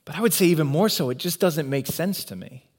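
A man with a high voice preaches a sermon. He speaks earnestly and leans on rhetorical questions, pausing to let points land. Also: expressive, husky. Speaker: pastor.

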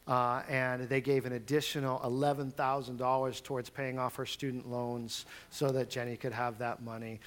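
A man's voice: medium pitch, flat delivery, normal speed, few pauses. A man who is a pastor, giving church announcements and introducing speakers in a conversational way with frequent fillers. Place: church sanctuary.

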